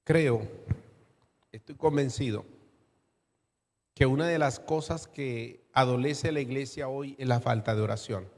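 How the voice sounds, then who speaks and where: A man's voice: mid-range voice, unhurried, pauses often, a little mellow, long reverb tail. A man preaching an emphatic, dramatic sermon and calling out to his congregation.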